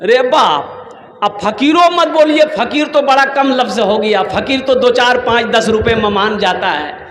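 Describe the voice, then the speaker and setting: A man's voice: very high-pitched, a little slow, a bit bright. A man preaching a sermon to a large gathering, calling questions out to the crowd and slipping into Bengali phrases. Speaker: Islamic preacher. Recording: echoey hall, faint ambience.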